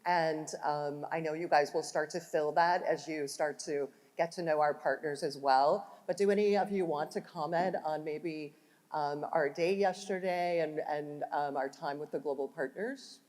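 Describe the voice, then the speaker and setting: A woman's voice: sits low, fairly even intonation, normal speed, a little mellow. A woman hosting a corporate panel Q&A in a conference hall, talking conversationally with many fillers. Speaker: panel host. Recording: hall reverb from room mic.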